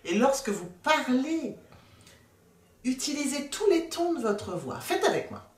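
A woman's voice: high voice, very animated, a little slow. A woman vocal coach giving a playful, demonstrative lesson, often laughing at herself and sliding between her voice registers. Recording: roomy sound from a distant mic, faint music.

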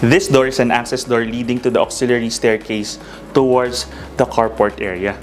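A man's voice: mid-range voice, little pitch movement, moderate pace, soft background music. Upbeat man giving a house tour. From Philippines. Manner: upbeat, polished salesman pointing out features. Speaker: real estate broker giving a house tour. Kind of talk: walking house tour narration. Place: bright empty townhouse rooms indoors.

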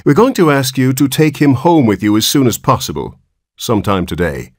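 A man's voice: lowish voice, huge pitch swings, a little slow, slightly rough, dry recording, clean studio sound, exaggerated voice. A man voicing a stern, contemptuous female hospital nurse in a storybook, severe and insistent.

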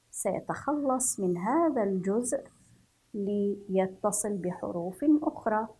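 A Yemeni primary school teacher leads a children's reading lesson in a slow, breathy, mid-range voice, heard through a rough recording. She draws out syllables for the young children and praises them softly.

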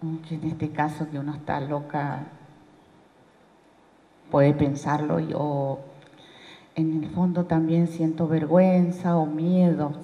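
A woman with an Argentine accent, an audience member who speaks in a hesitant, halting way. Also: deep voice, level tone. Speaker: audience member asking a question. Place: large school hall. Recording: dull, echoey hall sound.

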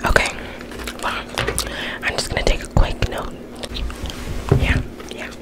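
A young adult woman doing an ASMR whispered role-play as an ear cleaner, speaking in a breathy, unvoiced whisper and giving instructions with repeated phrases. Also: unhurried, low-quality recording. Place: small bedroom, indoors.

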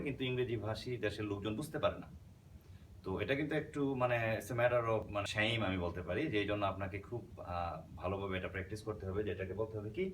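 A man teaching an English grammar lesson, explaining patiently and checking in with "okay?" as he mixes English words into his talk. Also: fairly low pitch. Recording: slightly distant mic with faint background noise.

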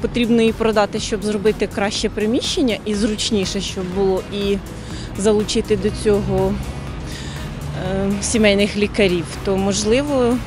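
A woman's voice: mid-range voice, fairly even intonation, normal speed. A middle-aged woman on a city street answering hesitantly and considering both sides. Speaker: passer-by in street interview. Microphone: handheld reporter mic. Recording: music bed under voice.

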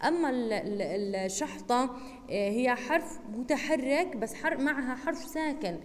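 A woman teacher with a Jordanian accent, giving a recorded lesson and drilling words slowly syllable by syllable. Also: sits high, in a large hall, slight background noise. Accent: Jordanian Arabic. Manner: slow, deliberate syllable-by-syllable drilling.

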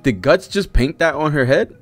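Fairly high-pitched and animated at normal speed, this thirty-something man reads manga panels aloud while reacting live in slangy, cursing commentary. He's a reaction streamer at a small indoor setup, close to a desk-arm microphone, with soft music playing underneath.

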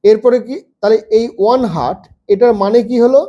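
Man, lesson teacher, slow letter-by-letter spelling, mellow, raised pitch. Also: lo-fi sound. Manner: spells words out slowly letter by letter. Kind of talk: first-grade English lesson for parents.

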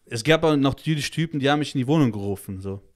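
A very fast-talking man with a mid-range voice and lively intonation, this podcast guest is a child-protection activist in casual conversation. Heated and emphatic, he speaks bluntly and crudely, swearing, piling on slang, and saying "Alter" over and over.

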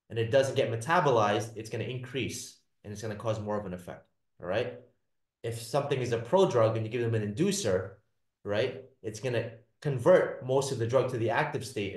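A man's voice: mid-range voice, reverberant. A man teaching a class, repeating his points and checking in with the students with "all right?" and "does that make sense?". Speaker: lecturer. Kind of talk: classroom lecture.

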